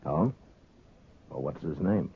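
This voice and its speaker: A very low, rough-edged American voice on a narrow-band vintage radio recording, a frontier marshal in a western. He is steady, weary of the world and sparing with words, probing in a measured way. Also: heavily acted. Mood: calm, probing. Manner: measured, laconic, questioning. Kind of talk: 1950s radio western acting.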